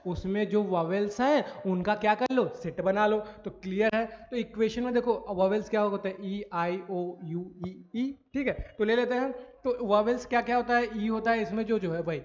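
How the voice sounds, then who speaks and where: A man gives a recorded maths lecture in a high voice, walking through each step and answering his own questions. He keeps checking that the class follows. The audio is dull and lo-fi, with a long echo from the room. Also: moderate pace, hardly any pauses, darkish tone. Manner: frequent checks for understanding. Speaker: maths teacher.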